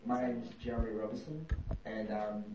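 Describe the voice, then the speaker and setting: A young performing arts student from New South Wales, Australia, gives a thoughtful, searching personal account as an interviewee, his voice lowish and his pace moderate. The recording sounds distant, dull and roomy, with a faint hum.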